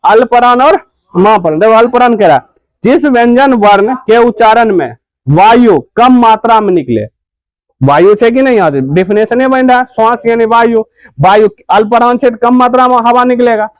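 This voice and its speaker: A man's voice: very high-pitched, normal speed, no room sound, poor audio. A man teaching a grammar class, repeating each question and answering it himself.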